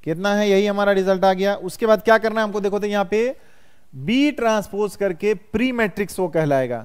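Male math teacher, high and clear, classroom lecture full of questions to students. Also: brisk. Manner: quizzes students constantly, calls them "बउआ".

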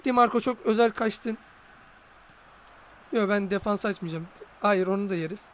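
A man streaming a mobile football game, commenting live, excitable and swearing, shouting when goals go in. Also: sits high, moderate pace, muffled recording, slight background noise. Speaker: gaming streamer.

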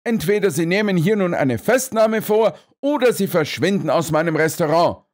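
A man's voice: high voice, expressive, normal speed, voice pushed up. Man voicing an indignant blustering restaurateur. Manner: huffy, loud, protesting. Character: indignant male restaurant owner, blustering fraud. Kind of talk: audiobook character reading.

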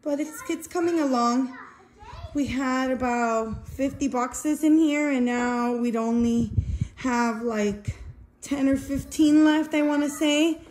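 A woman's voice: sits high, slow pace, darkish tone, low-quality recording. A young woman and mother talking casually to the camera at home, chatty and giggly, rambling with lots of fillers. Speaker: vlogger and mother. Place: home during a move, indoors.

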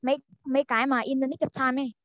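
A woman's voice: high-pitched, steady tone, racing. A young woman, eagerly explaining in a casual study group chat, rambling with many fillers.

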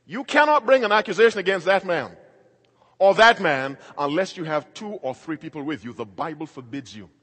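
A middle-aged male pastor preaching a sermon emphatically, moving between loud and quiet passages. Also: high-pitched, expressive, moderate pace. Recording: long hall reverb.

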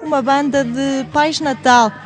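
A woman with a European Portuguese accent reading a scripted news report in an even, measured way. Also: high voice, faint music behind.

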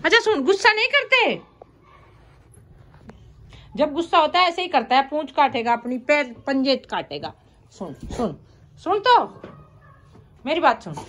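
A woman coaxing and soothing her pet dog in a gentle, babying way. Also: high voice, sing-song, measured pace, pauses often, lo-fi sound. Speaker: dog owner. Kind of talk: casual talk to a pet.

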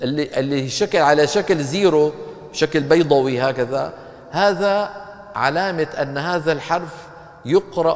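A man teaches Quran recitation, stopping to quiz his class. His voice sits a little high for a man. He draws the verses out in a slow chant, and a long reverb trails behind him. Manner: explains with questions to the class, chants verses slowly. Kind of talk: recitation lesson with chanted examples.

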